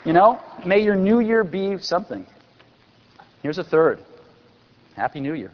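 Onstage at a big convention, a man in his forties, a company executive, presents a product keynote with enthusiasm and dry sarcasm. He has a high voice with big pitch swings and an unhurried delivery, heard through a dull lo-fi recording with long hall reverb.

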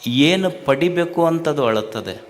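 A man giving a slow devotional sermon from a festival stage, repeating lines and asking rhetorical questions. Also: on the high side, animated. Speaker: religious speaker at a festival stage.

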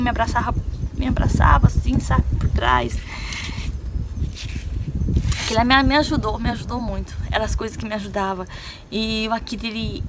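A woman's voice: medium pitch, noisy background. A woman from Brazil, a vlogger, talking earnestly and confidingly in a personal confessional video, often checking in with her viewers. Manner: earnest, confiding, tags lines with "sabe?" and "né?".

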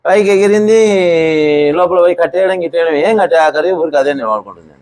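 A man, a bull owner and farmer, telling stories in an interview in a rapid rural way. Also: on the high side, a little mellow. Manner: rapid rural storytelling, re-enacts quoted speech. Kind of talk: storytelling in an interview.

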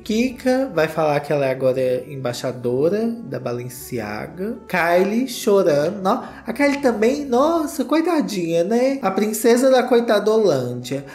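A man's voice: a little high, a little mellow. A Brazilian man hosting a casual, gossipy reaction commentary with campy, sassy asides. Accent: Brazilian Portuguese. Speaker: host. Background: faint guitar music.

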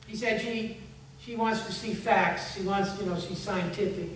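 A man preaching a sermon as pastor, telling a story in a conversational way and closing in soft prayer. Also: high-pitched, fairly even intonation, normal speed. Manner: conversational storytelling, earnest appeal, fading to hushed prayer. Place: church sanctuary. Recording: echoey church hall, far from mic, faint hum.

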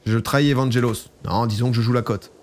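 A man talks his way through a strategy game in a loose, chatty let's-play style, reading game text aloud and bantering with the characters. His voice sits at an ordinary middle pitch. Faint music plays quietly behind him. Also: steady tone, fast talker. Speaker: gaming streamer. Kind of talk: casual let's-play commentary.

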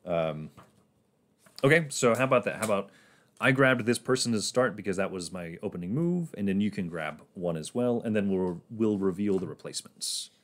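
A man's voice: on the low side, expressive, moderate pace, a bit bright. A man casually talking through his moves in a board game on a livestream, rambling and laughing often.

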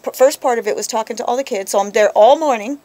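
A woman in her thirties hosting a radio talk show, venting and telling stories in a lively, chatty way. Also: a little high. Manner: animated storyteller, quick to vent. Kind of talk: casual chat.

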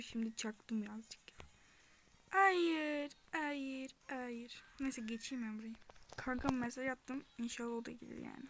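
A woman's voice: on the high side, a little hiss or hum. A young woman chatting through her own gameplay for a gaming channel, often dropping into whispers and yelping when chased. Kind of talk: casual gameplay commentary.

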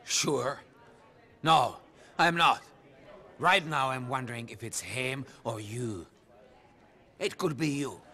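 Brief: paranoid crime boss for a game, husky, raspy, barking and threatening. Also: male voice, medium pitch, slow, long pauses, sharp tone, full character voice. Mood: suspicious. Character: volatile paranoid male mob boss, menacing. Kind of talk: video game cutscene acting.

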